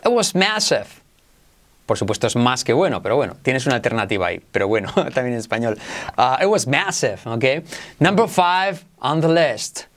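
A man from Spain with a Spain Spanish accent runs an online English lesson, his voice rising and falling in lively swings. He is enthusiastic, calls himself exaggerated, and drills each word slowly so the listener can repeat it. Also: medium pitch. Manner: enthusiastic, self-described exaggerated, drills words slowly for repetition. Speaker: English teacher.

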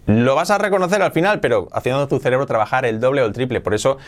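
A man teaching a video lesson on learning English, lively and emphatic, repeating words for stress. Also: mid-range voice. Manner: energetic, repeats words for emphasis, models English phrases slowly.

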